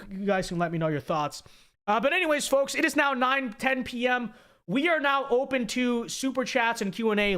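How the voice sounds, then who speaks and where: A young man hosts a livestream in a high-pitched, slightly bright voice that sounds scratchy and sore. He gives opinionated commentary full of restarts and reads out viewers' super chats.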